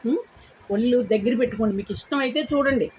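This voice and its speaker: Older woman vlogger, higher voice, coarse scolding rant at viewers. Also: fast, darkish tone, slight background noise, poor audio. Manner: scolding, coarse, repeated insults; addresses viewers with polite "andi" between insults. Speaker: vlogger answering commenters. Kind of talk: angry direct-to-camera rant.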